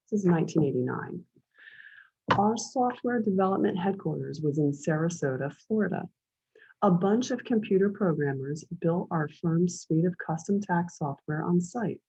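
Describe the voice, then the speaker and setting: A woman's voice: on the low side, dark tone, slightly rough, highs cut off. A woman with a light Philadelphia accent, reading her own memoir aloud with conversational asides.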